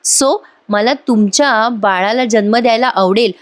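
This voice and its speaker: A woman's voice: a little high, a little slow, lightly acted. A woman voicing an earnest young woman doctor who pleads her case. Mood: pleading.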